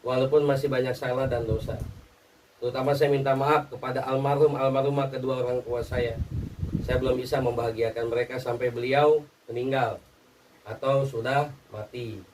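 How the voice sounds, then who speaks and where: A man teaching religious practice in a relaxed, conversational way, often pausing on "ya" and "nah" and checking that listeners follow. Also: mid-range voice. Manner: conversational, with frequent "ya" and "nah" fillers. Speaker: Islamic spiritual teacher. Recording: distant mic with faint background noise.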